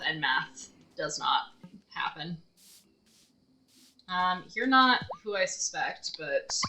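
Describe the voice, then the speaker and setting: Woman streamer, lowish bright voice, unhurried, chatty, faint game music behind. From United States. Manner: chatty, thinking aloud, talking to chat. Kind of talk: casual live-stream commentary while gaming.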